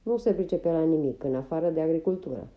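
A woman narrating a novel as an audiobook in a steady, even reading manner. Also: low voice, highs cut off. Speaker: audiobook reader.

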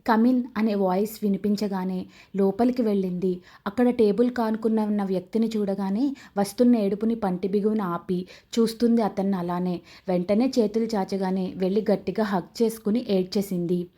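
A woman's voice: mid-range voice, fairly even intonation, a little fast, warm tone. A woman narrating a love story aloud, reading every character's lines in her own voice.

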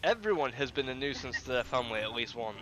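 A man streamer chatting casually while gaming, breaking into quick outbursts and laughs at the game. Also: mid-range voice, big pitch swings, fairly bright tone, rough recording. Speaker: streamer and channel host. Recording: game music playing behind.

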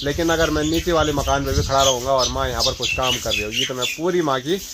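A man's voice: mid-range voice, fast talker. A young man from the hills chatting as a vlogger in a village, teasing and laughing often. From Uttarakhand hills, India. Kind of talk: casual vlog narration. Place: outdoors in a hill village. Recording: outdoor noise. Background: outdoor noise with birds and animals.

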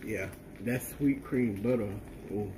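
A man's voice: fairly low pitch, takes it slowly, background noise. A man with a Southern US accent hosting a home cooking vlog, talking casually to viewers while he cooks at the stove. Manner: relaxed, talks straight to viewers.

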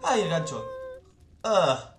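A man giving casual reaction commentary, swearing, mocking and breaking into shouts. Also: a little high, very animated, slow, reverberant. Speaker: video reactor.

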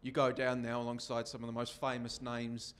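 A man's voice: mid-range voice, monotone, a little fast, fairly bright tone, slight background noise. A man with a mid-range voice asks questions as a sports journalist. He sounds hesitant and fills his questions with ums and uhs. He speaks from the floor of an indoor press room. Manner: hesitant, filler-laden questions.

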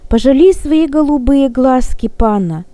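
A gallant, gentle old gnome from a storybook, comforting and courtly in manner, read by a woman. The voice is fairly high and mellow, with a dry, close sound. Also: lively intonation, measured pace, no room sound. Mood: soothing. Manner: gallant, soothing.

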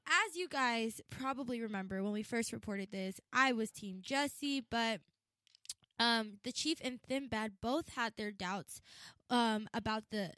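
A woman's voice: on the high side, measured pace, bright, forceful tone, no room sound. A woman hosting a talk show, chatty, with easy laughs and a few restarts. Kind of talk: casual chat.

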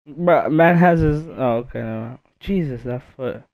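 A man's voice: fairly high pitch, creaky, a little mellow, no echo. Man mumbling gameplay reactions. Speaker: gamer. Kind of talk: casual gameplay commentary.

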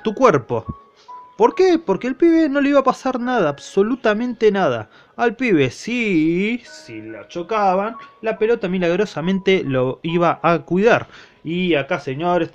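A man's voice: high voice, highs cut off. A man with an Argentine accent recapping a comic in a casual, slangy way, acting out bits of the characters' lines. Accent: Argentine Spanish. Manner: slangy, lively retelling that acts out the characters' lines. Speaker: manga reviewer.

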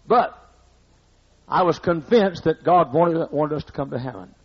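High-voiced older pastor preaching bluntly. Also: male voice, measured pace, breathy edge. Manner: blunt, scolding, conversational preaching with asides. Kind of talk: sermon. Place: church sanctuary. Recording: muffled lo-fi archive recording.

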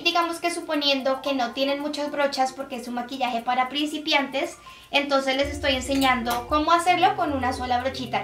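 Chica joven con voz aguda explicando maquillaje paso a paso, sala con eco, algo lejos del micro, musiquita bajita. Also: female voice, sits high, fairly bright tone. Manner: chatty, explains step by step with many diminutives. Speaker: makeup tutorial host. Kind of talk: casual makeup tutorial. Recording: echoey room, a bit distant, faint music.

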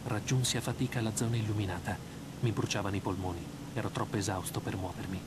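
An actor voicing a tense male writer narrating his own nightmare in a dubbed video game. His voice sits low and grave, the delivery measured like a storyteller's. A clear hiss of game noise sits behind him. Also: steady tone, lightly acted. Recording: game audio with background noise.

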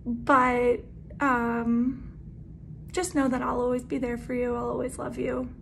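A woman's voice: on the high side, flat delivery, a little slow, gravelly, background noise. A woman giving an earnest, heartfelt birthday video message to a best friend. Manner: earnest, emotional, slightly self-conscious.

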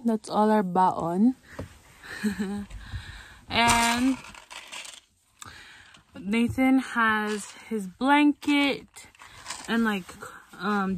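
A woman's voice: a little high, slow pace, long pauses, a little hiss or hum. A woman in her twenties with a Filipino accent, chatting casually on a vlog into a phone held at arm's length. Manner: chatty, giggly, mixes Tagalog and English. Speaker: vlogger. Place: bedroom, then car and outdoors by a lake.

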